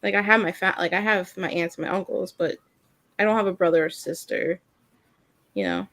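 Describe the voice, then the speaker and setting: A woman's voice: lowish voice, fairly even intonation, brisk, fairly bright tone, dry recording. A woman co-hosting a casual mom podcast, rambling and filling her talk with "like". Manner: rambling, heavy use of "like". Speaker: podcast co-host. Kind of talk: casual chat.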